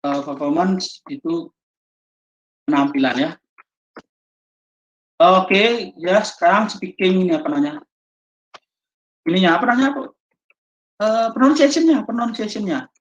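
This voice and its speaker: Slow, halting Indonesian woman trainer. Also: deep voice. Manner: slow, halting explanation with many fillers. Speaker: teacher trainer. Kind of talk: online training lesson. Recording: dull lo-fi audio.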